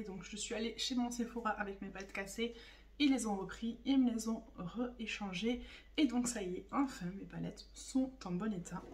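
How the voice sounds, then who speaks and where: A young woman vlogger unboxing makeup in casual chat, gushing and excitable as she talks to her viewers. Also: mid-range voice, a little hiss or hum. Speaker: beauty vlogger. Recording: echoey room, voice a bit far from the mic.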